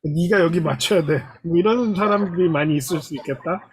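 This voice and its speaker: Casting: calm, measured dad on a panel, husky voice pitched high. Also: male voice. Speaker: panelist father. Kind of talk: casual parenting talk.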